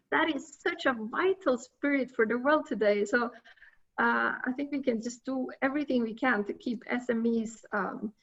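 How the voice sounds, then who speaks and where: A woman's voice: fairly high pitch, fairly bright tone, muffled recording. A woman from Norway, an English speaker, giving a seminar talk in an earnest way, with many fillers and repeated words. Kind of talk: conference talk.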